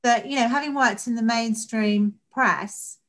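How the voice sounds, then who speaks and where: A woman's voice: fairly high pitch, measured pace, a bit bright. A woman hosting a podcast, chatting in an earnest, casual way and often saying "you know". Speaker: podcast host and interviewer. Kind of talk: casual interview chat.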